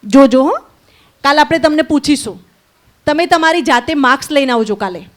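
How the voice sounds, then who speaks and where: A woman teaching children at a camp, leading slow repeat-after-me blessings and telling a story with questions to the group. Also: high-pitched, lively intonation. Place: indoor camp hall with children.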